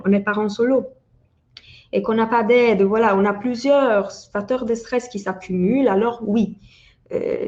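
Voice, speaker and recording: An Italian woman researching parental burnout explains her work as an expert in a webinar, speaking French with an Italian accent. She restarts and hesitates frequently, in a warm, mid-range voice. The sound is lo-fi.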